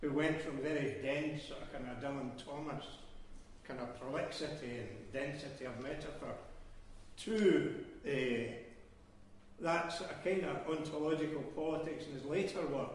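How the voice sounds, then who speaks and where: A man's voice: fairly high pitch, normal speed, recorded from a distance, slight background noise. Rambling Scottish man in an echoey hall. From Glasgow, Scotland. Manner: rambling, hesitant with many ems and ehs. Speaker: poet giving a reading. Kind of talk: live poetry reading with digressions.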